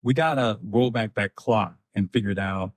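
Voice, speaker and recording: A man's voice: fairly low pitch, normal speed, no echo. A man hosting a talk show, upbeat and welcoming as he introduces his guest. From Brooklyn. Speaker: host.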